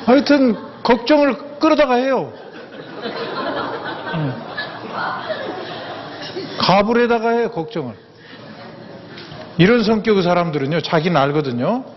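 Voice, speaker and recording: Older man, folksy lecturer, high voice, long echo of a hall. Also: lively intonation, measured pace, pauses often, a faint crowd. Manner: folksy, anecdotal, repeats words for emphasis. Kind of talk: humorous lecture to an audience. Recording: echoey hall, dull sound, faint ambience.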